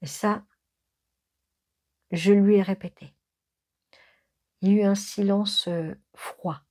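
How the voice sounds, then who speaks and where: A woman recounting her own haunted-house experience as a medium, in slow personal storytelling with many fillers, self-corrections and dramatic pauses, dropping to a hush when she quotes whispers. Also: medium pitch, steady tone.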